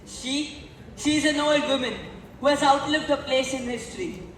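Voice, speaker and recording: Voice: high-pitched, steady tone, moderate pace, a little hiss or hum, close to an everyday voice. A student playing a scheming greedy heir. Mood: scornful. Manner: scornful, plotting. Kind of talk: school stage play. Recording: echoey hall from far off.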